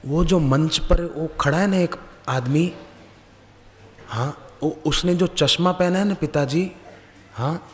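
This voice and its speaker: A man voicing a clever little boy who excitedly tells his father what he spotted, in a sermon story told in a reverberant hall. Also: fairly high pitch, takes it slowly, pauses often, voice pushed up. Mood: eager.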